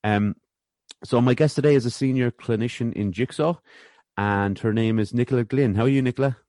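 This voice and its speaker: A man's voice: medium pitch, fairly quick, warm tone, no echo, clean studio sound. An Irish-accented man hosting a casual podcast interview, talking informally and a little hesitantly as he muses.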